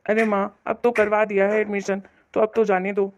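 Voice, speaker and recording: A woman voicing a grown son in an animated cartoon, a mild shopkeeper who placates his mother. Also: medium pitch, normal speed, slight background noise, natural voice. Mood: placating. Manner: placating, reasonable. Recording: dull lo-fi audio.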